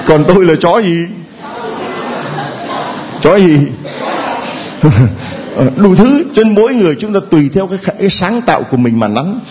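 Man, preacher, homily, playful, quizzing listeners, slightly high voice, very animated pitch. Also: measured pace, long pauses, noisy background. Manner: playful, quizzing the congregation, chuckling. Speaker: priest.

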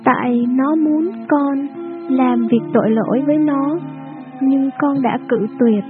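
Storybook: a high, faint, pleading wounded girl played by a woman, tinny sound with music clearly behind. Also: normal speed, close to an everyday voice. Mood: weak. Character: young peasant girl, gravely wounded, gentle.

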